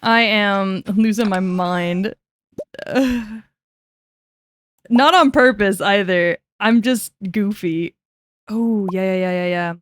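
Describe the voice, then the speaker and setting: A woman in her twenties chats casually on a game stream, laughing easily, swearing and muttering to herself as she figures things out. Her voice is mid-range and she speaks slowly, pausing often. There's no echo.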